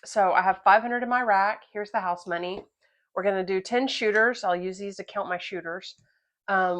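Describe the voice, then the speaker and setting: A woman with a mid-range, slightly bright voice hosts a craps channel, giving play-by-play as she tests a betting strategy. She calls every dice roll and explains things casually. A cold makes her voice sound a little off.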